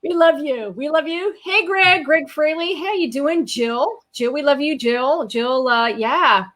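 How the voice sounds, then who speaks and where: A woman hosting a casual live-stream conversation, animated and enthusiastic, with quick asides. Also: high voice, raised voice. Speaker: host.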